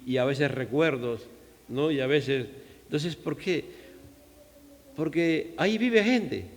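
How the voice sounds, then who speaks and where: A man's voice: medium pitch, big-room sound. A male pastor with a Peruvian Spanish accent preaching a sermon in a church, in a conversational style full of "¿no?" asides. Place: church hall.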